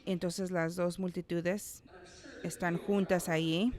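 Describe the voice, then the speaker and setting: A man's voice: high-pitched, flat delivery, takes it slowly, a little mellow. A man pastor preaching a sermon in a church service in a conversational way, with playful asides to the congregation and little acted-out voices for the people in the story. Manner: acts out quoted voices.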